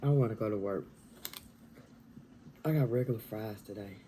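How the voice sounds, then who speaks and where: A woman, chatting casually while eating on camera in her dining room, talking softly and half-whispering. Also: rumbling low, normal speed, a little hiss or hum, rough recording. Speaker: mukbang vlogger.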